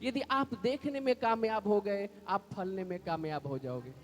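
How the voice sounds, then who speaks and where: A man's voice: high voice, normal speed, soft background music. A man preaching a sermon in a church, repeating lines for the congregation to say back. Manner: repetitive call-and-response preaching, has congregation repeat declarations. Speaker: pastor.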